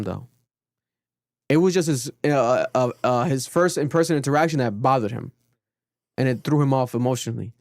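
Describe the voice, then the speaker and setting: Young man, animated podcast storyteller. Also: medium pitch, no echo, clean studio sound. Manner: animated storytelling, acts out quotes. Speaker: podcast host. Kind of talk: casual podcast chat.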